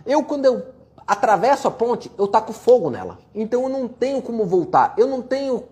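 A man giving a blunt, profane motivational rant while answering viewer questions, forceful and mocking toward complainers. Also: very high voice, very animated, brisk. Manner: forceful, profane, mocks complainers in whiny voices.

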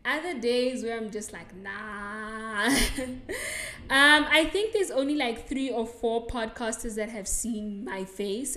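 A young South African woman with a matching accent hosts a solo podcast, chatty and giggly, her speech full of likes and ums as she answers listener assumptions. Her voice is a little high and a bit bright, and the room is echoey.

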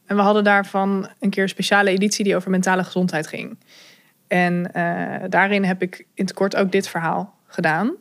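A woman telling her own story, thoughtful and candid, pausing with fillers and small laughs. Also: medium pitch, flat delivery. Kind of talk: personal account, reflective.

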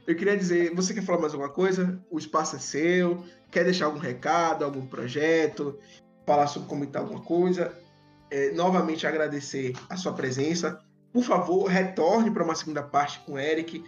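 A man with a fairly high voice and a slushy, tongue-tied lisp hosts a casual podcast. He repeats and trips over words, poking fun at himself. The sound is dull and lo-fi, with music behind him. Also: normal speed. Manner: stumbles over and repeats words, self-deprecating. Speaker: podcast host. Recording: dull lo-fi audio, background music.

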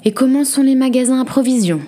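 A woman's voice: fairly low pitch, moderate pace, darkish tone, lightly acted. A woman voicing a cruel, menacing nobleman husband who interrogates and snarls at his wife in a storybook reading.

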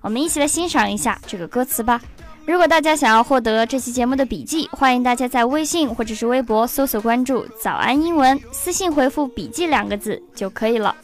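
A woman presenting an English lesson built on song lyrics, reading the English lines slowly and explaining them in Chinese. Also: a little high. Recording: faint music underneath.

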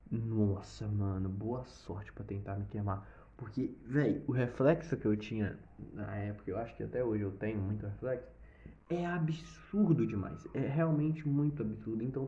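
A young man with a Brazilian accent telling a personal story in a casual, animated way, with sound effects and swearing. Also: mid-range voice. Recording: slightly dull lo-fi recording.

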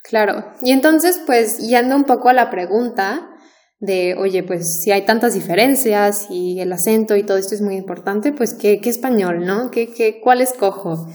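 A woman's voice: mid-range voice, moderate pace, darkish tone. A woman co-hosting a Spanish-learning podcast, chatty and thinking aloud with many fillers and restarts. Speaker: Spanish teacher and podcast co-host. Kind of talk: casual podcast conversation.

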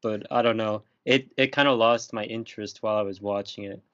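A man's voice: lowish voice, steady tone, fairly quick, crowd noise. A young man chatting casually on a podcast, rambling and hesitant with lots of fillers. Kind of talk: casual chat. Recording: dry, muffled lo-fi audio.

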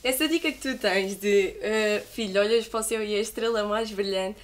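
Casual woman interviewer, medium pitch. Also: brisk. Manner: slangy, agreeing, thinking aloud with frequent "tipo". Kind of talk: casual music interview chat.

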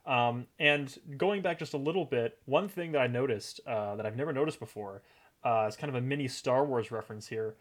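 Male podcast co-host, mid-pitched, animated recapper who laughs a lot. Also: brisk. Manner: animated, laughs often, quotes scenes in character. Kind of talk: casual chat about a TV episode.

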